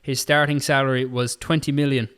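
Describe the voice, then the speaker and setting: A podcast co-host runs through entertainment news in a quick, chatty roundup, laughing and saying "like" constantly. His medium-pitched voice is a bit bright and clean-toned, with little pitch movement, in this casual chat.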